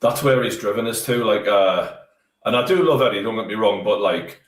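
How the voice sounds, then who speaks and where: A man's voice: on the low side, a little fast. A man, a guest in casual chat, talking bluntly and swearing freely, heard through a tinny, metallic-sounding mic. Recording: tinny echoey remote mic from far off.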